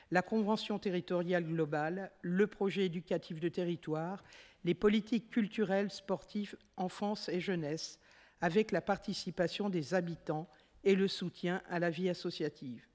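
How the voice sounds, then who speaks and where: A municipal councillor presenting a motion, a woman with a lowish voice, reads a formal administrative report aloud. Her delivery is steady and measured with occasional self-corrections, and a long chamber reverb surrounds her.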